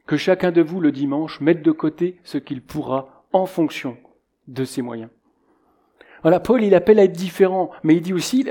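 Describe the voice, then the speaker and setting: A man preaching with a fairly high, mellow voice. He speaks in a conversational, storytelling way, weaving everyday anecdotes into his sermon. He sounds middle-aged.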